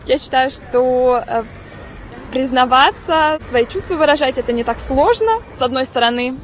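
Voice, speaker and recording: High-voiced young woman in her twenties. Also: moderate pace, lo-fi sound, a little hiss or hum. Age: 20s. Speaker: passer-by interviewee. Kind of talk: street interview answers.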